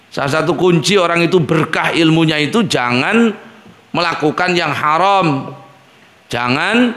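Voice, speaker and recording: Man, middle-aged, school head giving students stern, repetitive advice, higher-pitched voice. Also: bright, forceful tone. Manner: firm, repetitive admonishing with frequent "ya". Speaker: head of an Islamic boarding school.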